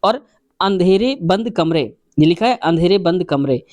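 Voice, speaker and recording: A man's voice: high voice, lively intonation, unhurried, darkish tone, dry recording. A male teacher explains exam answers step by step. He often restates the question number before he works through it. The sound is dry and close.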